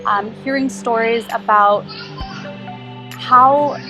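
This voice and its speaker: A woman's voice: fairly high pitch, fairly even intonation, takes it slowly. Woman founder chatting in an interview, lots of ums, music going behind her. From Philippines and Canada. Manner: friendly, earnest, lots of ums. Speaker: startup co-founder, guest. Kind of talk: casual interview answers.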